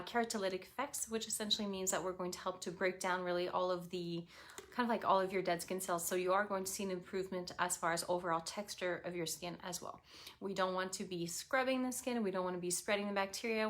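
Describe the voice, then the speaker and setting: A woman's voice: mid-range voice, a bit bright. Woman explaining a skincare routine. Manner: friendly, instructive, direct address to viewer. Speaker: skincare product presenter. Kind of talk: explanatory product tutorial.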